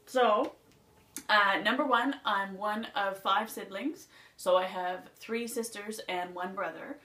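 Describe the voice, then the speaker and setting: A young beauty vlogger from Nova Scotia, Canada, with a Nova Scotian twang, sits at home chatting her way through a list. Her medium-pitched voice is steady, slow, and sharp in tone, and the distant mic gives a roomy sound.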